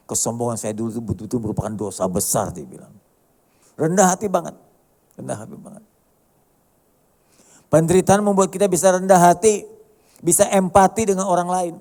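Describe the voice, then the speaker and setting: A male pastor preaching a sermon in a colloquial way, dropping to a hush and then rising to loud emphasis, and acting out the dialogue he quotes. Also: medium pitch. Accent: Indonesian.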